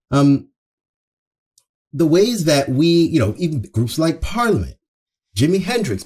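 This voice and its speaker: A man delivering an opening monologue as host, speaking in an earnest, emphatic, conversational way with pauses and repetition for stress. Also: a little high, darkish tone. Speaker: show host. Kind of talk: opening monologue, half-scripted social commentary.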